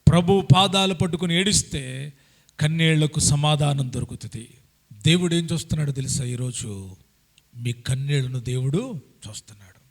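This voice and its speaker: A male pastor preaching a sermon, telling stories, dropping to a hush and rising to ringing appeals. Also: a little high, moderate pace, creaky, pauses often. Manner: storytelling preacher, swings from hushed to ringing.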